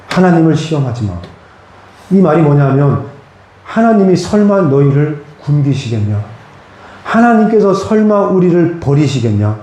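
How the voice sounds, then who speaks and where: In a very echoey church sanctuary, a male pastor preaches a sermon with a slightly high, mellow voice. He's earnest and direct, speaking plainly to his congregation.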